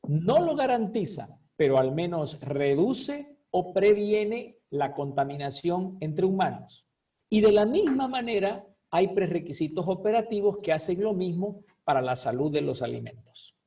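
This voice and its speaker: A teacher giving a recorded class on food safety, speaking slowly and deliberately in a soft, mellow tone. The teacher asks rhetorical questions, checks in with "ok?" and repeats key words to stress them. The voice sounds somewhat distant from the microphone. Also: medium pitch, expressive. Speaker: food quality control teacher.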